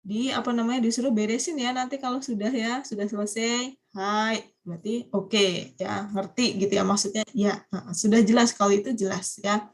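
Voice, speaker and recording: A woman's voice: mid-range voice, steady tone, moderate pace, hardly any pauses. A woman teaching a university Japanese class online, prompting students to finish each phrase. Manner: coaxing students to complete phrases. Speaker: Japanese language lecturer.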